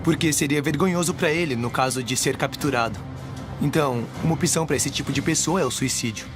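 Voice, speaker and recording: A man's voice: a little high, fast, close to an everyday voice. A man giving explanatory dubbed commentary in a documentary. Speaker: voice-over dubber of an expert interviewee. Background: music.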